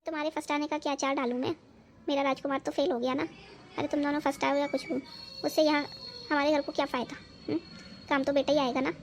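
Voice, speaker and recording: A woman's voice: sits high, little pitch movement, quick pace, soft background music. A woman playing a doting old grandmother who fusses and chides. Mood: fussing. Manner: fussing, chiding.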